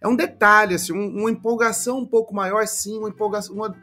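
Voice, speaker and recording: Animated man comedian guest chatting. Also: high voice, quick pace. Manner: animated, jokey, demonstrates intonation. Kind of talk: casual chat.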